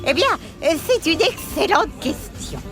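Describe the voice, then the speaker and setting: A giggly elf storyteller. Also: female voice, sits high, very animated, takes it slowly, over music, heavily acted. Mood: excited. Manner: giggly, hesitant with many "euh"s, exclamatory. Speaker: children's storyteller. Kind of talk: children's story narration.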